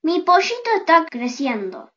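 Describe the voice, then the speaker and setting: A reader telling a children's story aloud, with gentle and unhurried storytelling. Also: very high voice, very animated, lo-fi sound. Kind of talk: slow storybook reading aloud.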